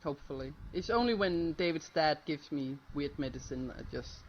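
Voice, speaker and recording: A woman's voice: low-pitched, animated, normal speed, lo-fi sound, slight background noise. A woman co-hosting a casual podcast, teasing the others and giggling often. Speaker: webcomic creator, podcast co-host.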